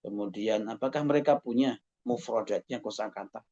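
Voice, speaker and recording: A man's voice: fairly low pitch, normal speed, mellow. Man lecturing on a dull lo-fi recording. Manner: explains step by step, often adds a questioning "ya" and asks rhetorical questions. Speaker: university lecturer. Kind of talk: classroom lecture.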